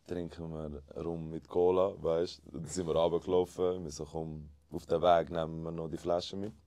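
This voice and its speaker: A man telling an animated, slangy party story in a casual chat. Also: low-pitched, normal speed. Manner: animated, acts out quotes with slangy asides.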